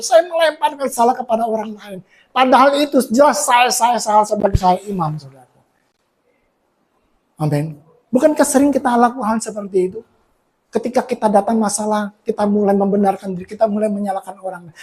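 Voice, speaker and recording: A male pastor with a notably high voice delivers a sermon to a church congregation. He rises into loud, shouted emphasis and keeps addressing his listeners with short tags between phrases. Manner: preaches with rising shouts and repeated "saudara" tags.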